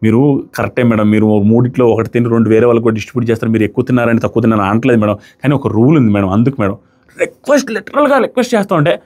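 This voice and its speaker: A man's voice: mid-range voice, racing. A man reviewing a reality show in casual, argumentative talk, often acting out what contestants said. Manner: emphatic, argumentative, re-enacts quotes loudly.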